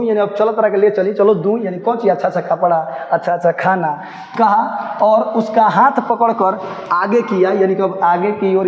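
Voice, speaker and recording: Man explaining a story, echoey room. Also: high-pitched. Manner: reads a line, then re-explains it in simple words with local dialect asides; keeps calling students to listen closely. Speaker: teacher. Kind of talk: line-by-line story explanation for students. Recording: echoey room, dull lo-fi sound, faint noise.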